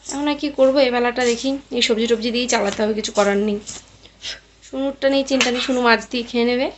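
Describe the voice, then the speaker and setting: A woman narrates her daily routine as a casual voice-over, speaking quickly in a slightly high voice. She rambles in a chatty way and talks straight to her viewers. A faint hum of household ambience sits behind her. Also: steady tone. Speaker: mother and home vlogger.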